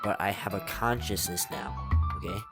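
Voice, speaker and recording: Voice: low voice, moderate pace, loud music behind the voice. A young adult giving a casual, exasperated rant full of rhetorical questions, slightly muffled as if speaking from inside a rubber mask. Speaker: video creator.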